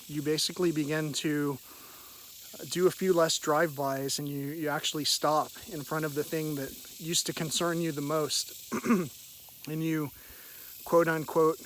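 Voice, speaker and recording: A man vlogging outdoors in a halting, meandering, reflective way, often clearing his throat. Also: on the high side, fairly bright tone, low-quality recording. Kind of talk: rambling, reflective spoken vlog. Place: outdoors in a park by a river. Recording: hissy outdoor recording with insect noise. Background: cicadas, birds, hiss and nearby traffic.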